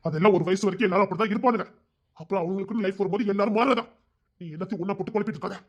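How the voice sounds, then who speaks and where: A cheeky young village man courting the woman he loves, played by a man. He talks quickly, teasing and bantering, and he bursts into loud protest when he's cornered. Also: high voice, highs cut off. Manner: teasing, bantering, swings into shouting. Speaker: actor in a short romance drama. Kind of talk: dramatic village romance acting.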